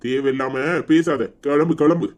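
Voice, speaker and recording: A man plays a stern middle-aged village man in a cartoon comedy, speaking with a Tirunelveli Tamil accent. His voice sits a bit high for a man as he gives short, firm warnings. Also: fairly even intonation, normal speed, a little mellow, lightly acted. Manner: curt, warning.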